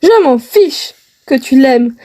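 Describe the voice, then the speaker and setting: Brief: snobbish bossy mother, voiced by a woman, shrill indignant scolding, slow delivery. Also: expressive, dark tone. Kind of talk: homemade family skit.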